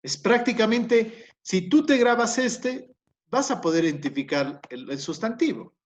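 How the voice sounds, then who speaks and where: A male language teacher speaking slowly in a somewhat high voice. He explains step by step, repeats the key points, and corrects himself, with plenty of "eh" and "em" along the way. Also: expressive, dull audio. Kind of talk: recorded class lecture.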